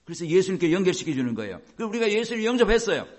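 A man's voice: high-pitched, sing-song, very fast. A man preaching a sermon as a pastor, explaining by asking the congregation questions and acting out quoted voices.

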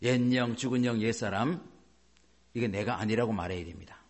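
A man's voice: medium pitch, brisk. A male pastor preaching a sermon, acting out inner self-talk as he goes.

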